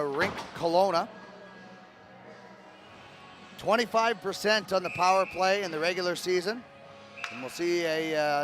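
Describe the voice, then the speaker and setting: Male hockey play-by-play announcer, high voice, brisk calls, faint music underneath. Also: a bit bright. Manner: brisk, rising with the action, occasional fillers. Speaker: play-by-play commentator. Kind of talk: live hockey play-by-play commentary.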